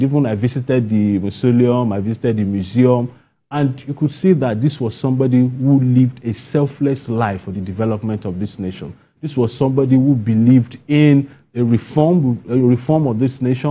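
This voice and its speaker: A playwright with a Nigerian accent answers interview questions spontaneously in a medium-pitched, dark-toned voice. He's emphatic, repeating key phrases for stress.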